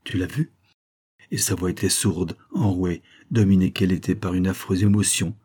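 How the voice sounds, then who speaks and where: Husky, low-voiced male audiobook reader. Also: flat delivery, normal speed, warm tone. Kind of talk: scripted audiobook narration.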